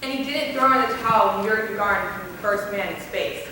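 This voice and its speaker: Young woman acting as a heartfelt student speaker, bright voice, reverberant hall, distant mic. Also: mid-range voice, fast talker, slight background noise, lightly acted. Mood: earnest. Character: earnest female high school student speaker. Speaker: student actor. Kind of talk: stage play speech to a class. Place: school theater stage. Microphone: distant room mic. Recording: echoey hall from far off.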